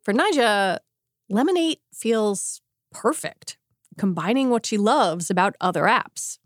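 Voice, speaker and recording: A woman's voice: mid-range voice, lively intonation, a little slow, no echo. A woman hosting a podcast, reading scripted journalistic narration. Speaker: podcast host.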